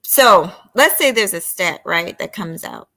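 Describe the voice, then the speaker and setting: A woman's voice: mid-range voice, animated, measured pace, sharp tone. A middle-aged woman hosting a casual late-night livestream. She talks straight to her viewers, reads their comments aloud and gives firm opinions. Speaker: livestream host.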